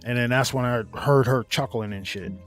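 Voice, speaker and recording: A man telling a story in a casual chat, animated and profane, breaking into high yelps as he acts out being scared. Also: normal speed, soft background music. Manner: animated, profane, jumps to loud high yelps when acting out his fright. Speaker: podcast host.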